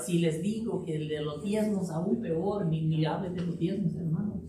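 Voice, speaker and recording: A woman's voice: normal speed, a crowd in the background. A woman pastor preaching a sermon to her congregation in an impassioned way, with many rhetorical questions. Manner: impassioned preaching that climbs higher and louder, with repeated rhetorical questions. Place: church sanctuary. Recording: very echoey church hall, voice from far off.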